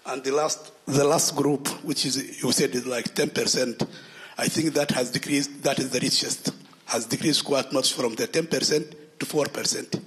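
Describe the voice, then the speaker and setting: Halting man asking a question. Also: mid-range voice, fairly even intonation, fairly bright tone. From Sudan. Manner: halting, many repeated words and restarts. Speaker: audience member asking a question. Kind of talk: conference Q&A question. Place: large conference hall.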